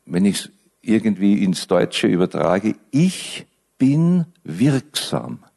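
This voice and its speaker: A man's voice: lowish voice, vocal fry. A man preaching a sermon, speaking to his listeners directly and building to emphatic peaks. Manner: slow, animated preaching with rising emphatic peaks.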